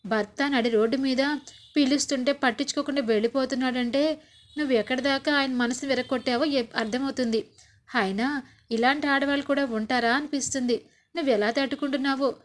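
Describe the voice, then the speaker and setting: A woman's voice: high voice, natural voice. A woman voicing a scheming older mother who taunts and mocks in a scornful tone. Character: scheming older mother, mocking and sharp-tongued.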